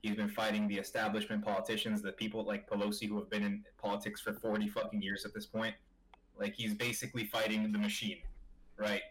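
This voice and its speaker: A man in a casual group chat, calmly explaining things at length in a measured way. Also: fairly low pitch, poor audio.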